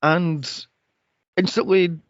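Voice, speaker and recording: A man's voice: sits high, fairly even intonation, drawn-out words, no echo, dull audio. A man co-hosting a movie podcast, retelling scenes with sarcasm, swearing and exasperation. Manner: sarcastic, exasperated, swears a lot, mocks scenes in put-on voices. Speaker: podcast co-host. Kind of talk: casual movie review chat.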